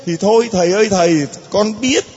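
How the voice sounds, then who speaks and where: A man's voice: high voice, brisk, a little mellow, long reverb tail, highs cut off, a little hiss or hum, pitched above the performer's own voice, close to an everyday voice. A male priest voicing a humble foreign mother who pleads in a sermon retelling. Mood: pleading.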